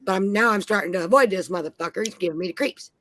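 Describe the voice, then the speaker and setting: A woman's voice: mid-range voice, rapid-fire, a bit bright, no room sound. A woman from Minnesota on a panel, telling blunt, heavily profane stories in casual chat. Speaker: panel guest.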